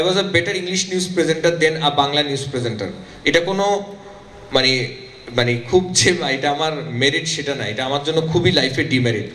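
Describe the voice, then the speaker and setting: A man's voice: on the high side, a bit bright. Emphatic Bangladeshi man in echoey hall. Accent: Bangladeshi Bengali with a Noakhali tinge. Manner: switches between Bengali and English mid-sentence; emphatic, addresses the audience directly. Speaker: motivational speaker. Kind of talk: workshop talk mixing Bengali and English. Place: workshop hall. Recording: echoey hall with faint ambience.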